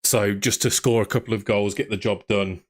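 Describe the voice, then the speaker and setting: Chatty podcast host, lowish voice. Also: male voice, steady tone, normal speed. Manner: chatty, reads out viewer comments and asks questions. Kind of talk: casual football chat.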